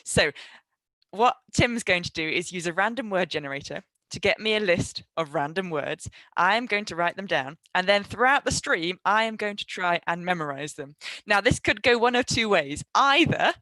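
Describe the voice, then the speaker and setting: A woman, co-hosting a casual livestream, chatty and quick to laugh, repeating words as she tells a story. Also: fairly low pitch, animated, sharp tone, no room sound. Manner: chatty, laughs easily, repeats words when telling stories. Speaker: library livestream co-host. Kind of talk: casual chat.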